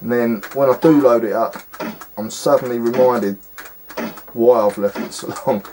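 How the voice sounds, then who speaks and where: Man, mid pitch, scornful running commentary over gameplay, noisy take with clicks. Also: normal speed. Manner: exasperated, scornful, rambling with fillers. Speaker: retro game reviewer.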